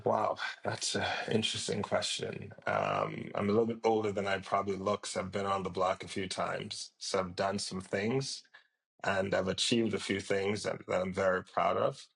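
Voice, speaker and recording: A middle-aged man from Jamaica with a very deep voice and a gravelly texture. He answers interview questions as a company founder. His speech is measured and reflective, dotted with fillers. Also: fairly bright tone, low-quality recording. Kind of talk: podcast interview.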